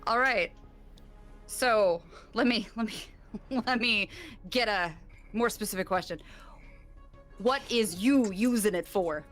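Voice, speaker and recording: A woman playing a tabletop game character, asking probing questions in a casual, quick-to-laugh way. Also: mid-range voice, fairly bright tone, faint music behind. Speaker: player.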